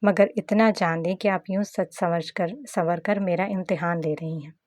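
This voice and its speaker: A woman's voice: fairly low pitch, steady tone, moderate pace, a little mellow, no echo, clean studio sound, natural voice. A woman voicing a playful, devoted young husband in a read-aloud novel. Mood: teasing. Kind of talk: scripted novel narration with acted dialogue.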